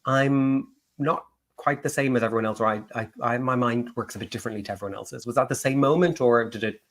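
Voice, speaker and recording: A man hosting a podcast interview, delivering buzzword-laden introductions with deadpan irony. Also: medium pitch, fast. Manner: dry, ironic, buzzword-heavy delivery. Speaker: podcast host.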